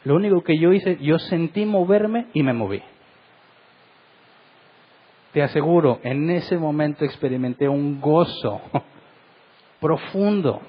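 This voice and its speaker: A man's voice: fairly high pitch, husky, highs cut off. A middle-aged man, a pastor, preaching earnestly in a Bible study and asking his listeners rhetorical questions.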